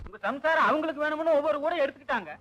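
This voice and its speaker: Deferential village servant, polite pleading, high bright quick voice. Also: male voice, animated, dull audio, full character voice. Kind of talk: 1980s film comedy acting.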